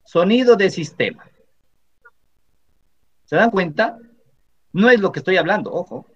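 A man with a Peruvian Spanish accent, teaching a software tutorial for teachers step by step and often checking that his listeners are following. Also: high voice, expressive, unhurried, breathy edge. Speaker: teacher training instructor. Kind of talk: screen-recording software tutorial. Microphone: computer microphone. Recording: slightly dull lo-fi audio.

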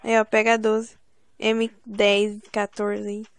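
A woman's voice: mid-range voice, monotone, slow pace, vocal fry, no echo, low-quality recording. A woman from Brazil hosting a gaming video from home, bossing and teasing her teammates in exasperated banter. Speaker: gameplay channel host. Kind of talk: casual gaming commentary.

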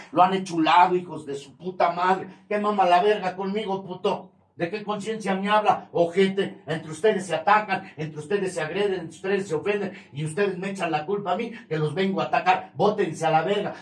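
High-voiced, cursing Mexican man in a hall. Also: fairly bright tone, distant mic. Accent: Mexican Spanish. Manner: crude, confrontational and heavily profane. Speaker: speaker at a recovery group meeting. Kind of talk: harsh testimony at a support group podium.

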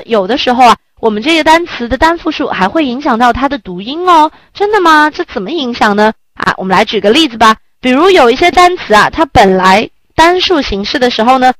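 A woman teaching a recorded Spanish lesson in a lively, coaxing way, often asking the class rhetorical questions. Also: high-pitched, no echo.

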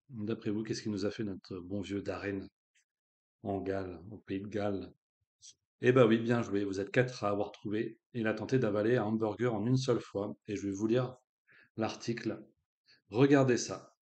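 A man's voice: fairly low pitch, a little mellow. A man hosting a live online quiz in a casual, joking way, with slang and lots of fillers. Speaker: quiz host.

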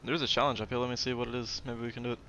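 Bright-voiced young man streaming a game. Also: mid-range voice, little pitch movement, racing, dull audio, a little hiss or hum. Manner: laughs often, swears, mimics others. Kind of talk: casual gameplay chat.

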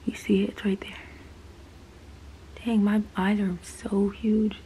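A woman's voice: medium pitch, little pitch movement, takes it slowly, dark tone, slight background noise. A twenty-year-old woman rambling casually through a clothing try-on haul, full of fillers and asides, filmed in a small bedroom. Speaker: fashion vlogger. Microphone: camera on a stand, mid-distance.

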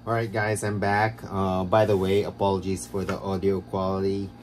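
A DIY vlogger gives a casual how-to walkthrough, explaining things in a rambling, halting, monotone way. It was recorded on a low-quality phone camera.

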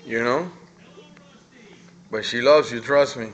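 A man casually filming his daughter at breakfast, gently coaxing her to eat and talk. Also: mid-range voice, takes it slowly, dull audio, soft background music. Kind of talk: casual home video chat.

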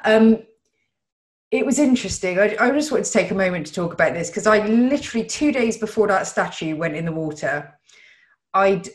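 A woman from Bristol with a West Country English accent, hosting a casual political discussion in an animated, emphatic, informal way. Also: mid-range voice, normal speed. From Bristol, England. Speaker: host. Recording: roomy, echoey video call.

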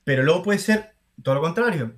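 A comedian chatting as a podcast guest. His voice is on the high side for a man, and he keeps a playful, joking tone throughout. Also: lively intonation, fairly quick. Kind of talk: casual podcast chat.

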